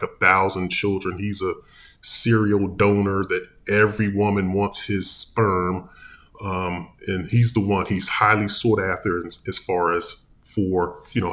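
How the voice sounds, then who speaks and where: A man's voice: lowish voice, fairly bright tone. A man hosting his own video channel, giving casual commentary in a rambling, emphatic way with many restarts. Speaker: vlog host.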